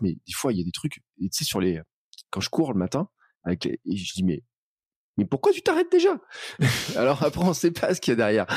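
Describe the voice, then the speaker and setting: A man chatting on a podcast in a lively, familiar way. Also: mid-range voice, slightly rough, dry recording, studio quality. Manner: chatty, lively, many "tu vois". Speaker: podcast host. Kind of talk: casual podcast conversation.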